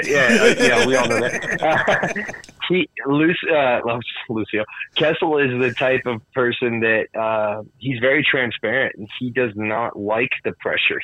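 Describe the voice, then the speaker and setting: A man's voice: medium pitch, sharp tone, dry recording. A rambling man talking sports with friends, circling back over his words. His voice comes through thin and phone-like, with no room sound at all. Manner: rambling, repeats himself. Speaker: co-host. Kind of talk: casual sports chat.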